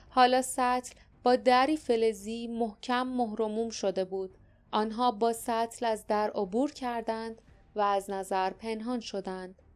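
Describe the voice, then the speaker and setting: A woman narrating an audiobook in an even, measured reading. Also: a little high, clean tone. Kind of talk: scripted storybook narration.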